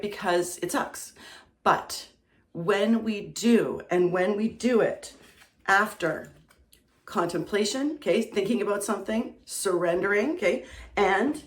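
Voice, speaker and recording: A woman giving a casual, animated tarot reading to her viewers, talking chattily with lots of fillers and frequent "okay?" check-ins. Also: on the low side, echoey room. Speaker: tarot reader.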